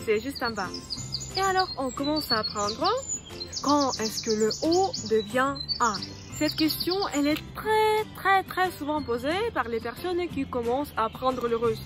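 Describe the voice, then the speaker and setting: High-voiced woman teaching a lesson. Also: over loud music. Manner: patient, repeats words slowly and lively. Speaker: Russian teacher. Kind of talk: online language lesson.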